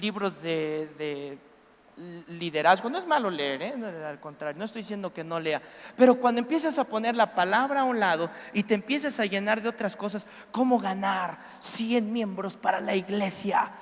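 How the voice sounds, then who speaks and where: A Mexican man preaching a sermon in church, animated, acting out biblical figures and putting questions to the congregation. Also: high-pitched, a little fast. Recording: live church recording with long reverb.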